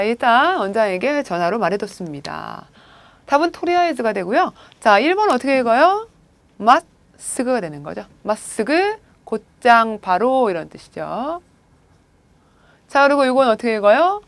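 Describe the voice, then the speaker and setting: A woman lectures in a higher voice with a lively, swooping pitch. She keeps students moving with frequent prompts and questions. The sound is dry and close to the mic. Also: dry recording. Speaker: Japanese language teacher. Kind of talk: recorded video lecture.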